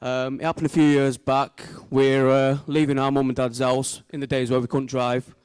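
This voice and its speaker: A man's voice: mid-range voice, flat delivery, moderate pace, darkish tone, clear, resonant tone, no echo. A man giving an informal, heartfelt wedding speech as the groom's brother, speaking sincerely and a little hesitantly.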